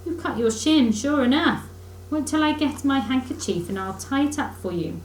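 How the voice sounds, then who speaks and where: Woman as an excitable, emphatic storybook rat. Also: sits high, moderate pace, pitched above the performer's own voice. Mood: kindly. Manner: eager, emphatic, bossy. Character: excitable, kindly but impatient male water rat, an animal. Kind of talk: children's storybook character voice. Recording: roomy echo, faint background noise.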